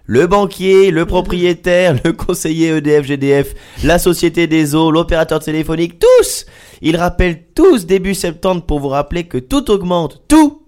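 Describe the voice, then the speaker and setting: A man's voice: fairly high pitch, moderate pace, a little mellow. A man delivering a sarcastic, theatrical comic column in a radio studio. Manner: sarcastic, theatrical, with mock exclamations.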